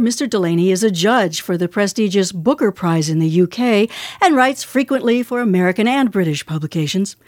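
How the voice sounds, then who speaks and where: Lady radio host, mid pitch, articulate, really dry studio sound. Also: no echo. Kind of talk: scripted introduction and conversational interviewing.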